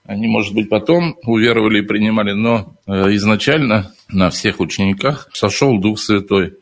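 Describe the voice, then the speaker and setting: A man's voice: lowish voice, steady tone, normal speed. A man preaching and explaining scripture in an earnest way, repeating key phrases for emphasis. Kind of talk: Bible teaching and scripture reading.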